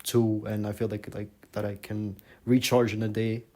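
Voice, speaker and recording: A young man, a bit hoarse, talking casually as an interview guest, rambling with many fillers. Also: lowish voice, normal speed. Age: young adult. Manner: rambling, filler-heavy, relaxed. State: slightly hoarse.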